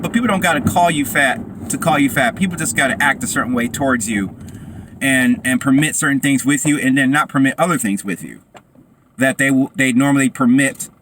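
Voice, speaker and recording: A man's voice: medium pitch, a little fast, rough recording. A man talking casually and encouragingly to his vlog audience while out running, in loose broken phrases. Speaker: vlogger. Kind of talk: casual motivational monologue to camera. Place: outdoors by a road. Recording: loud outdoor street and traffic noise.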